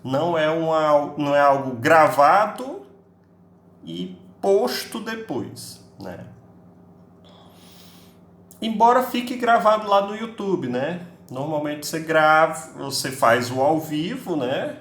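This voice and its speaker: A man's voice: fairly high pitch, animated, slow pace, a bit bright. A man, an English teacher giving a recorded class lecture in a chatty way, with constant tag questions. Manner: chatty, peppers speech with tag questions, acts out students' questions. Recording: echoey room, faint ambience.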